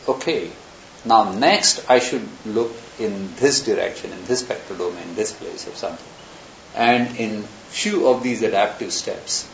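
A man giving a university lecture, talking through ideas in a discursive, thinking-aloud way with many examples. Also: medium pitch. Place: lecture room. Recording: roomy, dull lecture recording with hiss.

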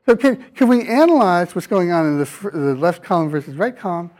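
A man's voice: high-pitched, animated, a little fast, darkish tone. A man giving a university lecture, questioning his students and dropping dry wordplay jokes. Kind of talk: classroom lecture.

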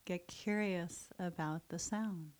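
Speaking softly and soothingly, a woman with a somewhat low voice guides a mindfulness session. She moves through it very slowly, pausing at length between phrases.

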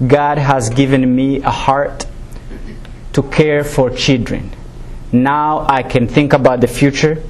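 A nervous man gives a personal testimony to his class. He speaks slowly and haltingly, with many ums and restarts. A faint hum of room ambience sits behind his voice. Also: medium pitch, little pitch movement. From Rwanda. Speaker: student speaker.

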